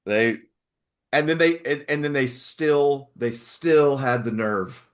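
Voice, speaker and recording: Middle-aged man, medium-pitched, chatting casually. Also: takes it slowly. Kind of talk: casual chat.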